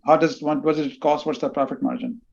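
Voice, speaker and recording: Brisk, blunt moderator. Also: male voice, a little high, fairly even intonation, creaky, darkish tone. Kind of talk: event hosting and questioning. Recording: dull lo-fi audio.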